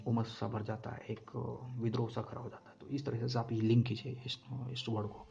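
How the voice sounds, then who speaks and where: A man's voice: medium pitch, vocal fry, mellow, highs cut off. A man teaching exam vocabulary, explaining words and often checking that listeners follow along.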